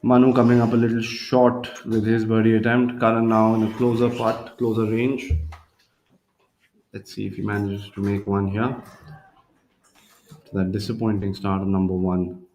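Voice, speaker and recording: A man with a fairly low voice delivers golf commentary for a telecast. He talks through each shot in a measured, analytical way, pausing now and then to find his words. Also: level tone, a little mellow, slight background noise, rough recording.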